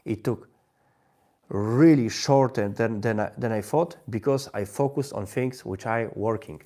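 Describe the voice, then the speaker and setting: This language-learning livestream host is a Polish-accented man who speaks English, not his native Polish. He has a mellow, mid-range voice and stumbles along, restarting many times as he looks for the right words.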